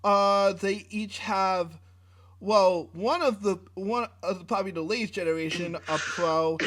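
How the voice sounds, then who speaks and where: Slow-talking high-voiced man on a podcast. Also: fairly bright tone. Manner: reads specs with many fillers and restarts; laid-back, swears mildly. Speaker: podcast co-host. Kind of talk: casual chat.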